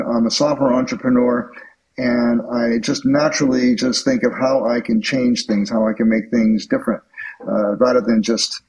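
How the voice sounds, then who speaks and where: A man's voice: medium pitch, a little mellow, rough recording. A man in his fifties, a guest in an interview, speaking reflectively with frequent ums and restarts before landing emphatic points. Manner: hesitant, many ums and restarts, then emphatic. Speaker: author and guest. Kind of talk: conversational interview.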